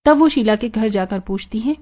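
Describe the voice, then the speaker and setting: A woman narrating an animated story in a plain storytelling tone. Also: fairly high pitch, moderate pace.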